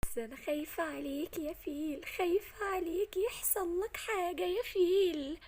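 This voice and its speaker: A woman's voice: moderate pace, a little hiss or hum. A woman with an Egyptian Arabic accent voicing a timid young female giraffe in a storybook tale, calling out in a panicky, pleading way. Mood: worried. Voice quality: high, bright girlish voice. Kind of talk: storybook acting.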